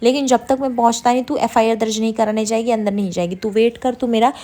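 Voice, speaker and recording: A woman's voice: a little high, fairly even intonation, fast, dark tone, lightly acted. A woman voicing a protective young man who soothes and scolds by turns. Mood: reassuring.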